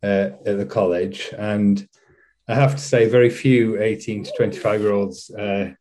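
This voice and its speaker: Man, yorkshire accent, low-pitched, college chaplain, casual interview answers, self-deprecating, video call. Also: steady tone, normal speed, warm tone. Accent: Yorkshire English. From West Yorkshire, England.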